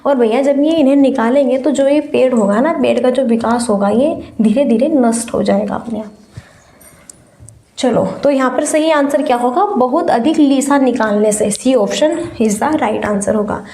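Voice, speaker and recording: A woman with a high voice teaches an exam-prep class, explaining patiently and repeating the words she wants to stress. Her tone is mellow and a little tired from a fever, and the sound rings with the echo of a room.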